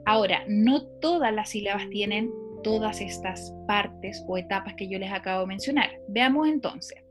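A woman's voice: medium pitch, moderate pace, music in the background. A woman teaching a lesson, explaining step by step and quizzing a student with questions. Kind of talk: lecture on phonology.

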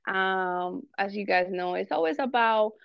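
A chatty woman hosting a podcast from her living room, laughing often and cutting in on her guest. Her voice has a gravelly edge, and the recording is dry and a little dull and lo-fi. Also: medium pitch, expressive, unhurried, no room sound. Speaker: podcast host. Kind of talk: casual interview chat.

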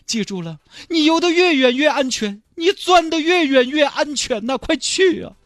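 A man with a Sichuanese accent voicing an excitable, soft-hearted man who gushes and wheedles for a dolphin's life. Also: moderate pace, dry recording, studio quality. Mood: tender. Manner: shrill, gushing, wheedling.

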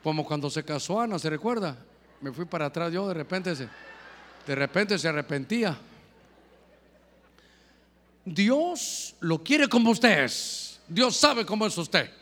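A man's voice: on the high side, unhurried, pauses often. A man preaching a sermon in a church hall, talking straight to the congregation and acting out little scenes. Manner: animated, addresses the congregation directly, acts out little scenes.

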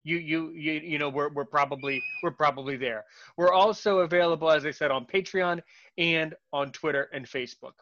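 A man's voice: a little high, normal speed, bright, forceful tone, dry recording. A man hosting a podcast, introducing his guest in a chatty, loose way, stumbling over words at times. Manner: chatty, loose, repeats himself while searching for words. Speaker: podcast host. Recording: dull, lo-fi, dry sound.

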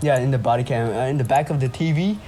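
A man's voice: medium pitch, fast talker, dark tone, a little hiss or hum. A young man from Indonesia chatting and telling stories casually in slangy frat-bro talk full of bro and dude. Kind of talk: casual chat and storytelling. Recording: music playing behind the voice.

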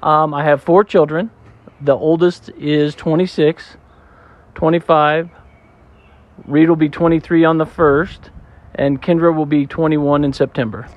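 Chatty joking guy with a slightly high voice, casual campground interview. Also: steady tone, unhurried, dull audio. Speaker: interview guest. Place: campground outdoors.

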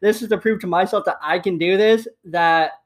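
A man in his twenties with a slight lisp hosts a casual solo podcast from home, upbeat and rambling, repeating himself. His voice is high and he talks at normal speed into a USB desktop microphone.

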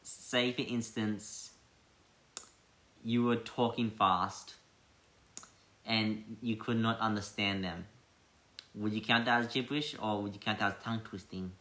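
A man's voice: lowish voice, steady tone, unhurried, long pauses, sharp tone. A young man hosting a casual chat podcast, rambling with many fillers and frequent laughs. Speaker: podcast host. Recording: echoey room.

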